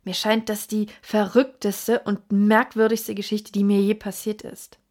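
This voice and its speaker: A woman reading an audiobook, voicing a hot-tempered American baronet who is loud and furious, with a husky American-accented voice. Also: mid-range voice, little pitch movement, a little slow, close to an everyday voice.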